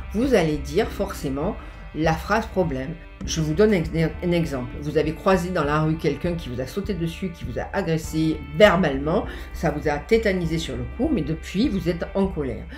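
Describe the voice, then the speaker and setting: A woman with a lower-pitched voice teaches a tapping routine, walking through each step patiently as she taps the points herself. Soft music plays faintly in the background. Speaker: EFT practitioner. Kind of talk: instructional explanation.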